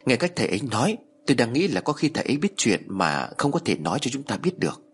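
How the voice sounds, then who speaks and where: A man's voice: mid-range voice, very animated, a little hiss or hum. A man voicing an outspoken older woman from the village who talks bluntly. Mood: brisk. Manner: blunt, quick.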